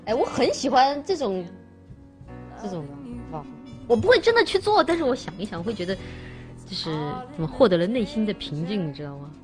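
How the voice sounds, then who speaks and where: A woman's voice: mid-range voice, sing-song, a little fast, over music. A woman hosting a livestream, chatting playfully with her viewers and teasing them. She stammers and restarts, thanks donors and reads out their messages. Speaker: livestream host. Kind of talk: casual chat with viewers.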